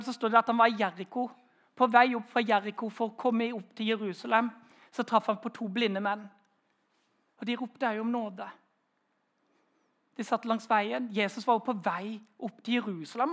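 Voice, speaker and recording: A man preaching a sermon in a storytelling way, swinging between loud raised phrases and soft, hushed ones. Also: extremely high pitch.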